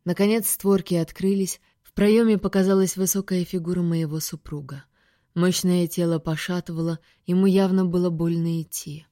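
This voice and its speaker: A woman reading a first-person science-fiction audiobook with steady, expressive narration. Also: lowish voice, moderate pace, dry recording, clean studio sound. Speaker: audiobook reader.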